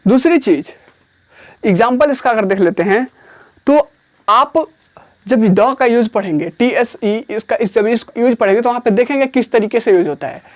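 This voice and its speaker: A man's voice: extremely high pitch, lively intonation, normal speed. Male Indian teacher, patient classroom explainer who repeats himself and dictates words one at a time. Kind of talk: classroom grammar lesson.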